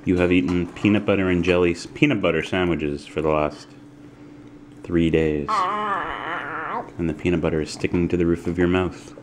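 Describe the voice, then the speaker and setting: A man, a father filming a family home vlog in the kitchen, talking in a dry, deadpan, teasing way. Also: low voice, moderate pace, pauses often. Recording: noisy home camera audio.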